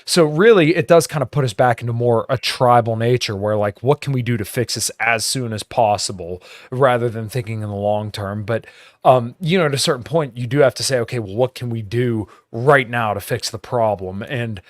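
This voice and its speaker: Man, podcast host, casual, swears, mid-pitched, dry close sound. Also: a little fast, dry recording. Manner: casual, swears, many you-knows. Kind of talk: casual political discussion.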